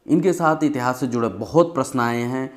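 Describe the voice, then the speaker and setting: A man's voice: mid-range voice, brisk. A man giving a conversational exam-prep history lesson, telling it as stories and often checking in with "ठीक है". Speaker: history teacher.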